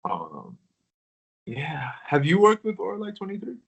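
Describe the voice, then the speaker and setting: A man in casual conversation about crystals, talking in a relaxed, rambling way with many filler words. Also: a little high, measured pace, gravelly, husky, rough recording. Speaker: crystal collector.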